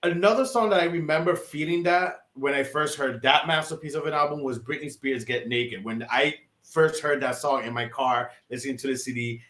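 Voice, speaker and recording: A man co-hosting a podcast in casual chat, excitable and rambling, with lots of restarts and fillers. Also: mid-range voice, a little fast, hardly any pauses, roomy sound. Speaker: podcast co-host.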